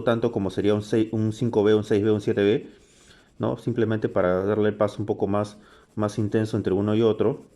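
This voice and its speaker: Male drawing teacher, slightly low voice, chatty and patient while demonstrating. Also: a little mellow. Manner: chatty, frequent "¿ok?" and self-corrections. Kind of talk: casual drawing lesson while sketching.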